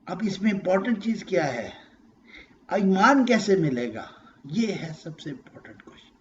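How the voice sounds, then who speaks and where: A man giving an emotional religious lecture, swinging between loud exclaims and hushed phrases and reciting verses in Arabic. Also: sits high, sing-song, highs cut off, slight background noise. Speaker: Quran lecturer.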